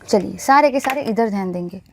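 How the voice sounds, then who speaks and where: A woman's voice: mid-range voice, lively intonation, fairly quick, slight background noise. A woman teaching a chemistry class, asking questions and answering them herself, calling the students bhai and guys.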